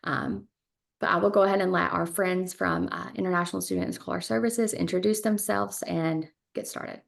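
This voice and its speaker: Woman hosting a webinar, kinda low gravelly voice, lots of ums. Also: fairly even intonation, moderate pace. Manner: friendly, organized, frequent ums. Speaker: graduate school recruitment director hosting webinar.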